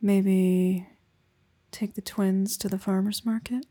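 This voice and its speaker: Playing an affectionate young wife and mother for an ASMR roleplay, a woman speaks softly and intimately close to the mic, often whispering and giving small laughs. Her mid-range voice is breathy and level, with a tender mood and a slow pace.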